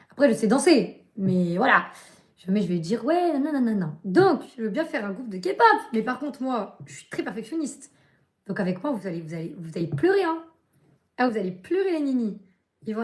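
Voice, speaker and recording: A young woman live-streaming from her bedroom, chatting casually and ranting in slangy speech, often adding a tag "hein". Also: a little high.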